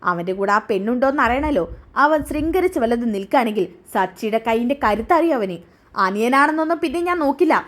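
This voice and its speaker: A woman's voice: a little high, animated, fast talker, a bit bright. A woman voicing a hot-tempered, protective older brother in a serial recap, threatening and blustering. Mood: angry, protective.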